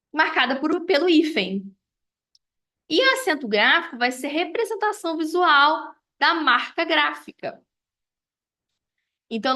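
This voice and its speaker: A woman reviews grammar as a teacher, rattling off examples one after another and tagging on questions like "né?" and "tá?" constantly. Her voice sits high with a sharp tone, and her manner is explanatory.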